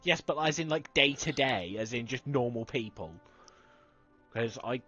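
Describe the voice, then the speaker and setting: A man's voice: mid-range voice, measured pace, bright, forceful tone, highs cut off, faint music behind. A man streaming a game over a headset, chatting casually, swearing often and restarting his sentences as he reads from the screen. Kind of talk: casual live-stream chat.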